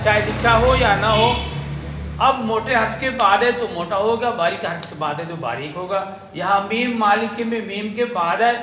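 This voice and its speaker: A man with a high, bright voice teaches Quran recitation rules to a memorization class. He explains patiently, repeats himself and models how to shape the lips. The room is echoey, with faint ambient noise behind him. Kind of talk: tajweed lesson for memorization class.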